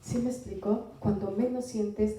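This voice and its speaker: A woman preaching a sermon with a strained throat, pausing often and asking the congregation questions. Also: medium pitch, fairly even intonation, warm tone. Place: church hall. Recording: echoey hall, voice from far off the mic.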